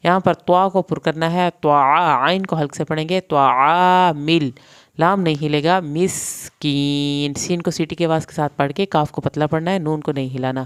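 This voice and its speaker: Woman, low voice, smooth and resonant, tajweed lesson, slow recitation then quick explanation. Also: fairly even intonation. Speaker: Quran tajweed teacher.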